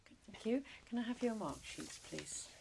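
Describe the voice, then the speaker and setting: A woman examining candidates in a speaking test, asking scripted questions in a measured, formal and polite way. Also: a little high, lively intonation, creaky, warm tone, slight background noise.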